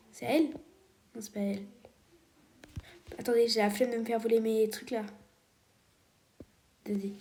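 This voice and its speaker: A woman, chatting excitedly through a video game with squealing exclamations, often dropping to a whisper. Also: fairly high pitch. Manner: often drops to a hushed whisper. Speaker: Roblox player. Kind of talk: casual gameplay commentary.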